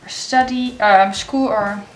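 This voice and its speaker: A woman's voice: mid-range voice, steady tone, slow, reverberant, soft background music, poor audio. A woman chatting casually as she hosts a how-to vlog, her speech slightly off from a swollen jaw. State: swollen jaw after wisdom teeth removal, speech slightly impeded. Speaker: letter-writing blogger and video host.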